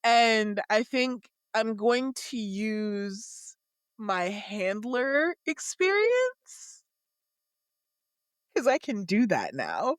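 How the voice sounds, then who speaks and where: Woman, tabletop player narration, slow-paced, animated run-on storytelling, dry close recording. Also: fairly high pitch, clear, resonant tone, dry recording. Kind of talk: narrating a tabletop game character.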